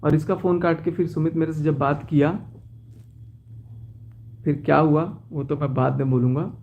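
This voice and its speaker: A man's voice: fairly high pitch, flat delivery, normal speed, a little mellow, muffled recording, a little hiss or hum. A young man talking to his viewers from his car, agitated as he recounts a betrayal in a personal vlog. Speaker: vlogger.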